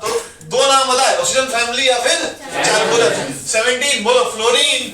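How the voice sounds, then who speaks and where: Male classroom teacher, sing-song mnemonic drills, loud class crowd behind. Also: very high voice, moderate pace, reverberant, recorded from a distance. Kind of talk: classroom lecture with call-and-response.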